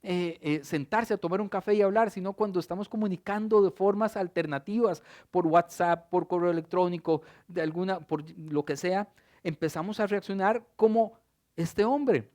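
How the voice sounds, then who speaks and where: A middle-aged male pastor, preaching an expressive sermon and asking the congregation questions. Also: sits high, normal speed.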